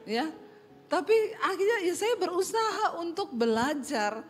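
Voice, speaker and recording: A middle-aged woman pastor with a Sulawesi accent, preaching a lively, joking sermon to a congregation. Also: very high-pitched, measured pace. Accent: Sulawesi Indonesian. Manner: animated, joking, teasing the congregation. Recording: reverberant hall with faint music.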